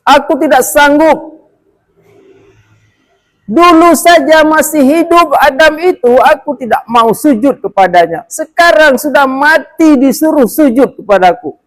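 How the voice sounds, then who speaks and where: A man voicing a proud, furious male devil in a told religious story, shouting his defiance in a raised voice. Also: big pitch swings, takes it slowly, long pauses, breathy edge, heavily acted, rough recording. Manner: shouting high-pitched defiance.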